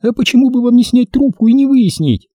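A man voicing a sharp-tongued young woman who teases and mocks with sarcasm. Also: extremely high pitch, lively intonation, brisk, no room sound, studio quality, voice pushed up. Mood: teasing. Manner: teasing, sarcastic.

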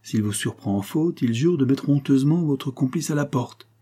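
A tearful, pleading widow, tender and bitter by turns, as a male narrator puts her on. The voice stays dark and husky, with a soft breathiness. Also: medium pitch, expressive, normal speed, voice pushed up. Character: emotional middle-aged widow, tender then bitter.

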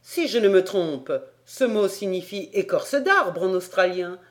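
A woman voicing an excitable, exclamatory male scholar in an audiobook. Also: medium pitch, measured pace, lightly acted. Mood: eager. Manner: loud, exclamatory. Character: excitable French scholar man.

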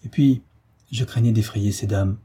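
A man's voice: lowish voice, steady tone, normal speed, dark tone, a little hiss or hum, natural voice. A man voicing an eager, impulsive young officer in an audiobook reading. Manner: eager, fervent.

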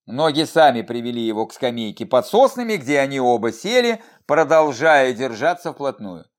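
A man narrating an audiobook in an expressive, dramatic manner. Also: medium pitch, normal speed. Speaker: audiobook reader.

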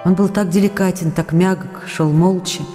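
An actress reads a young woman's love letters for a radio drama, tender and full of longing, in an intimate, emotional style. She speaks at a moderate pace in a lowish, warm, steady voice close to everyday speech, recorded in a reverberant studio with faint music.

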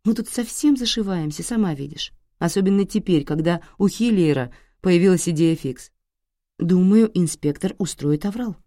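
A woman's voice: lowish voice, expressive, moderate pace, dark tone, no echo, pitched above the performer's own voice. A woman reading an audiobook, voicing a wry, chatty female police officer. The recording is close and dry.

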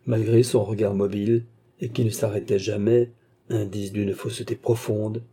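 A man narrating a classic novel in a steady, measured audiobook reading. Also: on the low side, slightly rough.

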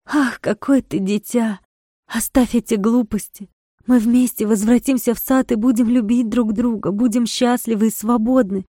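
A woman's voice: fairly high pitch, fairly even intonation, moderate pace, warm tone, no room sound, clean studio sound, close to an everyday voice. A woman reading aloud, voicing a wild, passionate young village woman who pleads and argues. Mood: mocking. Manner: pleading, impassioned.

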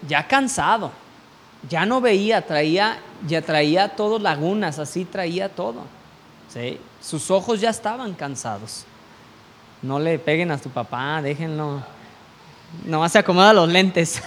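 A male preacher delivers a sermon in an unhurried, deliberate cadence, his pitch rising and falling widely as he tells a personal story. He keeps drawing the congregation in with rhetorical questions. A faint hum of background noise sits under the recording.

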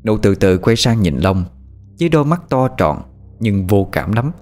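A man's voice: on the low side, very animated, moderate pace, a little mellow, soft background music. A man narrating a ghost story with dramatic, suspenseful storytelling.

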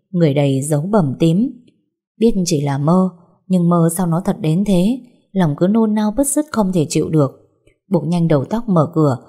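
A woman calmly narrating a romantic drama story. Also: lowish voice. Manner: calm, even storytelling.

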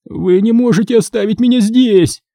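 A man's voice: high voice, sing-song, slow pace, warm tone, no echo, studio quality, pitched above the performer's own voice, full character voice. A man voicing a panicky, injured teenage boy in a horror audiobook. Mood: panicked.

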